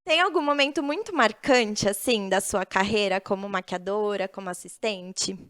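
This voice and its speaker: Uma apresentadora de videocast de beleza contando histórias de forma animada, rindo com frequência. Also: female voice, medium pitch, moderate pace, smooth. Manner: animated storyteller, laughs often. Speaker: podcast co-host. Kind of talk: casual podcast chat.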